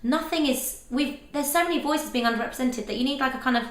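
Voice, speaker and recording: A woman co-hosting a casual discussion, talking in an animated way and thinking aloud. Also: high voice, fast. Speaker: co-host. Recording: roomy echo.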